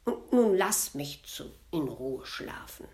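A woman voicing a gruff, grumpy male devil in a spoken fairy tale, who barks loud outbursts and grumbles when he is woken. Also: low voice, big pitch swings, slow pace, exaggerated voice. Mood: grumbling.

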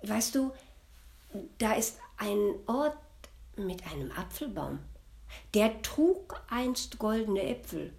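A woman's voice: medium pitch, sing-song, slow pace, vocal fry, long pauses, a little mellow, heavily acted. A woman voicing a shrewd, sly old grandmother in a spoken fairy tale, talking in a coaxing, soothing way.

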